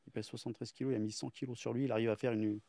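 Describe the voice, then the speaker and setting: Guest man, mid-pitch, hesitant explainer; dry close recording. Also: little pitch movement, very fast, vocal fry, warm tone, no room sound. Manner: hesitant, restarts often, explains patiently. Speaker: guest athlete. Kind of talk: casual chat.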